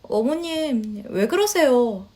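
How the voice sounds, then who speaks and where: A woman as a soft-spoken young wife. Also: fairly high pitch, lively intonation, slow pace. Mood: polite. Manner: polite, quiet, hesitant. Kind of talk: storytelling voice acting.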